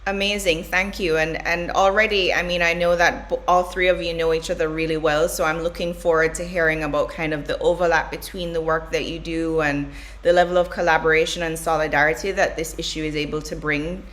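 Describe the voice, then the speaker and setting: A woman with a low voice hosts a panel discussion. She is polite and appreciative as she thanks and introduces speakers. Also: level tone, a little fast, a bit bright. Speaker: panel host.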